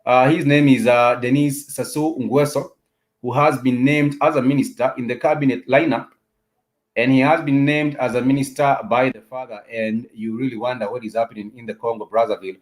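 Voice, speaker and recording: A man with an African accent hosts a spoken political commentary, talking haltingly and often repeating phrases for emphasis. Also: medium pitch, fairly even intonation, low-quality recording. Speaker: host of a political discussion show.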